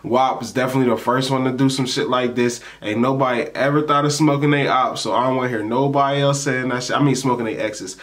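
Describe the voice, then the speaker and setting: A young American man with an average-pitched voice talks casually to his viewers as a reaction host. His speech is emphatic and full of street slang and swearing. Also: fairly even intonation, quick pace, hardly any pauses, fairly bright tone.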